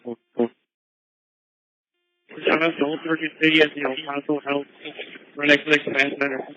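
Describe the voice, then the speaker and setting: A man's voice: a little high, flat delivery, moderate pace, bright, forceful tone, no room sound. Man officer on a muffled walkie-talkie. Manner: terse radio talk. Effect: heard over a police walkie-talkie. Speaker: police officer. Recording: dull lo-fi radio transmission.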